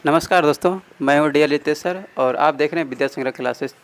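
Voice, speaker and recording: A man's voice: on the high side, fast talker, smooth. A man who teaches, quizzing a student and patiently repeating her answers back. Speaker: teacher and interviewer.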